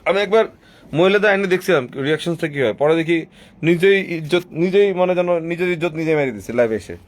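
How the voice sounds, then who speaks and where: A man with a somewhat high voice rambles through his live stream. He talks in a mocking, sarcastic way and slips English phrases into his speech. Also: expressive, fast talker, slight background noise. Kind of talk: casual live-stream monologue.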